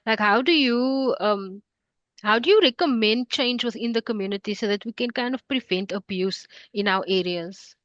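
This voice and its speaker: A woman's voice: fairly high pitch, normal speed, fairly bright tone, no room sound, lo-fi sound. A woman from South Africa hosting a radio interview, talking in a concerned, conversational way. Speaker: radio host.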